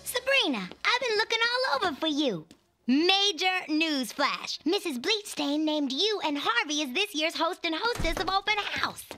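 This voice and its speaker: A woman's voice: very high-pitched, very animated, normal speed, pushed and bright, faint music behind, exaggerated voice. A bubbly chatty schoolgirl. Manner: bubbly, gossipy.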